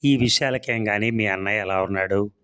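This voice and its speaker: A man's voice: lowish voice, fairly quick, fairly bright tone, dry recording, lightly acted. A man reading a storybook serial, voicing a charming, manipulative village landlord who laughs things off. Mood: coaxing. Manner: smooth, coaxing, laughs things off.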